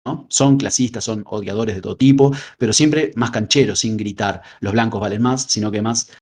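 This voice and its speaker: A man's voice: lowish voice, normal speed, a little mellow, slightly rough. A man with a Rioplatense Spanish accent, co-hosting a casual film discussion podcast, rambling with frequent filler words. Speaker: podcast co-host.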